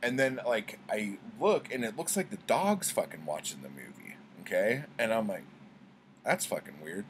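This middle-aged book vlogger has a fairly low voice and talks casually from a small room at home lined with bookshelves. He rambles through stories at a normal speed, with big swings in pitch and plenty of slang and swearing. His webcam recording has a faint layer of noise.

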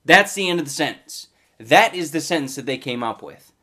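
A young man delivering sarcastic comedy commentary, crude and mocking, his voice swinging up and down with lively expression. He sits a touch high for a man. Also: brisk. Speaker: comedy video host.

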